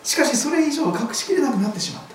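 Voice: high-pitched, animated, fast talker, crowd noise. Pastor preaching in an echoey hall. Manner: vivid storytelling, dramatizes scripture scenes. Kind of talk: sermon. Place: church hall. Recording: very echoey hall, voice far from mic.

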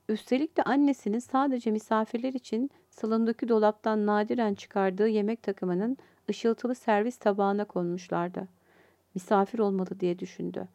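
A woman, the story's author, reading her short story aloud in a calm, even storytelling manner. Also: medium pitch, creaky, no echo. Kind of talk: storybook narration.

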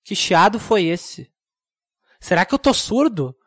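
A young man hosting a comedic solo podcast, rambling and mocking himself in a deadpan way. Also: high voice, measured pace. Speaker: podcast host.

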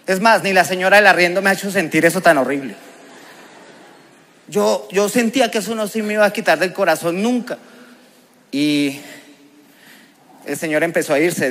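A man's voice: high-pitched, a bit bright. Colombian man preaching his testimony. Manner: vivid, emotional storytelling. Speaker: preacher giving a personal testimony. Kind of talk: testimony sermon.

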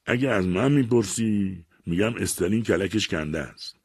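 A knowing, worldly newspaper seller, as a male reader puts him on, slow and low-key, almost confiding. The voice stays deep and husky on a close, dry recording. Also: a little mellow, no room sound.

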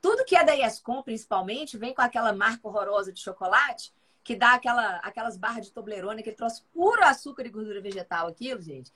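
A woman's voice: a little high, expressive, fast talker, sharp tone, slightly rough. A woman co-hosting a casual live chat as a nutrition mentor, talking in a chatty, emphatic way and repeating her phrases.

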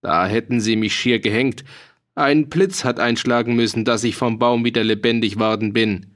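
A man's voice: medium pitch, normal speed, a bit bright, close to an everyday voice. A man voicing a cheerful, roguish male mercenary with a dialect, jovial and teasing. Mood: jovial boastful. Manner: jovial, teasing, bursts of laughter.

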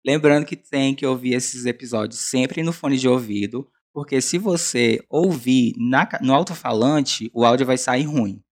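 Male Brazilian podcaster, mid-pitched with a raspy smoker's voice; chatty, digressive, confessional solo delivery. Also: moderate pace, hardly any pauses. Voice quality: hoarse, husky smoker's rasp. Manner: self-deprecating, chatty, digressive. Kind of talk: casual rambling confessional monologue.

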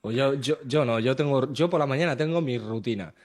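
Young man chatting casually, animated. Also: mid-range voice, brisk. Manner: animated, repetitive, restarts often. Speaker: streamer and podcast co-host. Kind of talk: casual chat.

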